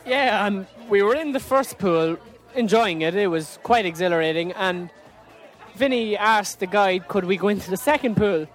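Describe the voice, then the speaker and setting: A man's voice: high-pitched, moderate pace, a faint crowd. A man co-hosting a travel vlog outdoors on a river boat, talking in an easygoing, playful way. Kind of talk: casual travel chat.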